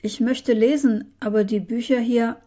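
A woman voicing a small, curious male dust mouse with a lively, wide-eyed manner, read aloud from a storybook. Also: on the high side, a little slow, voice pushed up, lightly acted. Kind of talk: storybook reading.

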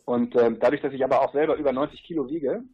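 A man's voice: mid-range voice, fairly even intonation, fast, husky, muffled recording. A man as a podcast guest, explaining his trip in a rambling way with asides and fillers. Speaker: guest, paddler on a long river trip. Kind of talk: casual podcast interview.

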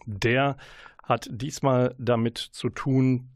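Lockerer Büchersendungs-Moderator, trockener Klang. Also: male voice, medium pitch, steady tone, slow pace, a little mellow, dry recording, clean studio sound. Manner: locker, mit häufigem äh. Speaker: Radiomoderator einer Büchersendung. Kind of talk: Radiomoderation, Buchvorstellung.

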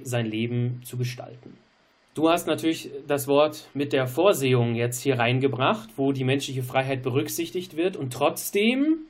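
Earnest German man explaining theology. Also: mid-range voice. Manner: earnest, explanatory, repeats key phrases. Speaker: podcast co-host. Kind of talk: theological discussion.

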